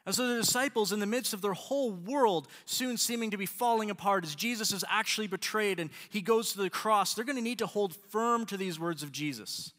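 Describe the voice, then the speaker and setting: A male pastor preaching a sermon in an earnest, emphatic manner, speeding up and slowing down for stress. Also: high voice, a bit bright, in a large hall. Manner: earnest, emphatic, shifts between quick and slow.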